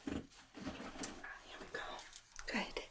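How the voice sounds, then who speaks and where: A woman doing an ASMR whispered role-play in a soothing, unhurried, breathy whisper, murmuring close to the microphone. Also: bright, forceful tone, slight background noise. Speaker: ASMR performer. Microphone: close ear-to-ear stereo microphone.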